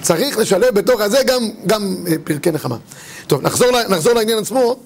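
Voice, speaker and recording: A man's voice: sits high, vocal fry. A rabbi giving a religious lesson, telling humorous stories and acting out his characters' lines. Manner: lively storyteller, acts out the characters' lines. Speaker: rabbi teaching religious law.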